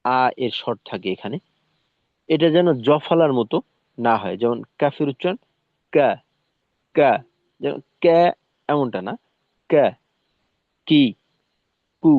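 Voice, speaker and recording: A man teaches recitation at an unhurried pace, sounding out each letter one syllable at a time. His voice comes through a narrow, phone-like channel. The room is dry, with no echo. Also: medium pitch, lively intonation. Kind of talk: recorded lesson.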